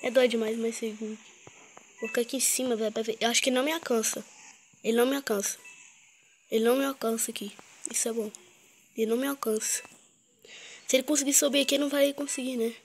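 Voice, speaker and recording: A woman's voice: a little high, steady tone, quick pace, vocal fry, long pauses. A woman with a Brazilian accent giving casual, chatty gameplay commentary for her channel. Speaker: gaming YouTuber. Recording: noisy mobile game recording with clicks.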